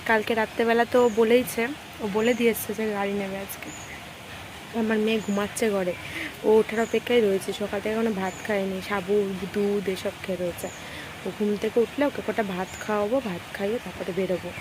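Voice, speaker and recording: A homemaker chats easily through her daily chores, keeping her voice low and hushed. Her pitch sits in a middling range, with no strain or drama. There is a faint hum of outdoor noise behind her. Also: fairly even intonation, fast talker. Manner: talks softly in a hushed voice. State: hot and sweaty. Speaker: lifestyle vlogger and homemaker. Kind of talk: casual chatty vlog narration. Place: rented village home, indoors and outdoors.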